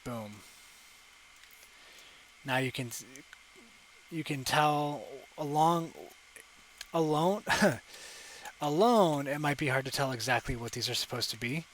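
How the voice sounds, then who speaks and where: Bright-voiced young man rambling through a sculpting tutorial. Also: mid-range voice, slow, long pauses, slight background noise, poor audio. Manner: rambling, thinking aloud with many fillers and self-corrections. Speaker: digital sculpting streamer. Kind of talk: casual live tutorial commentary. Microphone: desk microphone.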